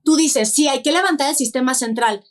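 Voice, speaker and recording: A woman's voice: high voice, a little fast. Woman explaining point by point. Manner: didactic, lists points and asks rhetorical questions. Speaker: podcast guest. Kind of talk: explanatory interview talk.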